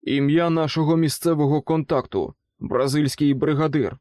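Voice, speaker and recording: A man's voice: fairly high pitch, fairly even intonation, moderate pace, no room sound, clean studio sound, lightly acted. A man voicing a barking ex-soldier. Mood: barking orders. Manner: loud, commanding shouts. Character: aggressive male ex-soldier barking orders.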